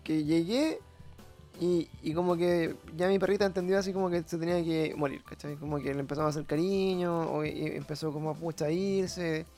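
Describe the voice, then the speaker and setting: Higher-voiced Chilean man, rambling and slangy. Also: steady tone, fairly quick, a little mellow, faint music behind. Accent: Chilean Spanish. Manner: rambling, slangy, many fillers. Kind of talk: casual chat.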